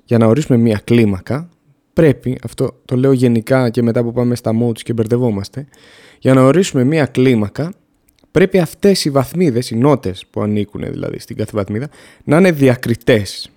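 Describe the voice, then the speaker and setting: A man with a warm, medium-pitched voice gives a relaxed music theory lesson on a podcast. He explains things plainly and down-to-earth, counting off notes and steps as he goes.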